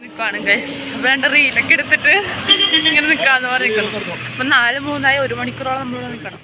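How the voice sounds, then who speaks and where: A woman's voice: sits high, quick pace, loud music behind the voice. A woman chatting casually to camera as a travel vlogger, mixing English slang into her Malayalam. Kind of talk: casual vlog chat to camera. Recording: noisy outdoor vehicle and street ambience.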